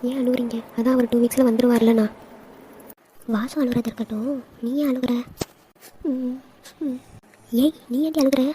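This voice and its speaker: A woman's voice: fairly high pitch, fairly even intonation, normal speed, long pauses, background noise, close to an everyday voice. A woman voicing the young women and mother of a family in a cartoon drama, affectionate and teasing. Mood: soft.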